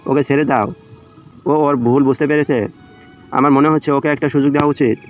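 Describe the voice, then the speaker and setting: Measured, merciful middle-aged father played by a male narrator for romantic audio drama, music underneath. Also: on the high side, fairly even intonation, highs cut off, natural voice. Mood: calm, reasoning. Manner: reasoning, measured. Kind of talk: romantic audio story acting.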